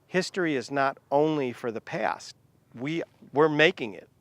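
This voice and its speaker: A man speaking deliberately and emphatically in an interview for a mining company. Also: a little high, animated, a bit bright, no room sound.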